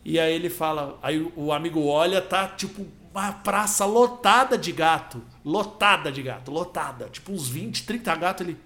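High-voiced Brazilian man telling jokes. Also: normal speed, few pauses, bright, forceful tone. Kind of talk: casual comedic chat and joke telling.

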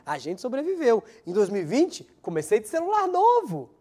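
A man's voice: very high-pitched, huge pitch swings, normal speed, warm tone. A man doing a rambling, self-mocking comic monologue as host of a weekly segment, laughing at his own jokes, his speech slightly hampered by a new dental aligner. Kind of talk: stand-up style comic monologue.

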